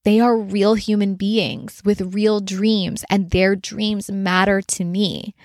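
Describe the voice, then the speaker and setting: A woman's voice: medium pitch, level tone, slow pace, a little mellow, dry recording. Earnest woman business coach, dry close sound. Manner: earnest, conversational, frequent "like" fillers. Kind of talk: solo podcast monologue.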